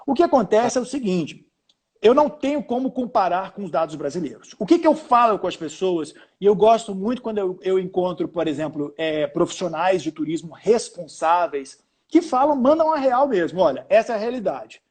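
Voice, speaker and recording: His voice sits high and a little mellow, animated but moderately paced. The Brazilian journalist, speaking with a Brazilian Portuguese accent, tells stories over a video call in a casual interview, stopping to restart and filling gaps often.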